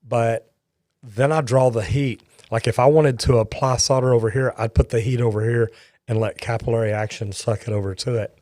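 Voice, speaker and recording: A man's voice: medium pitch, normal speed, dry recording, studio quality. A man hosting a live plumbing Q&A, telling stories in a folksy way and often repeating words as he talks. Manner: folksy storytelling, repeats words when excited. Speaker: plumber and live show host. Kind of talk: casual live Q&A chat.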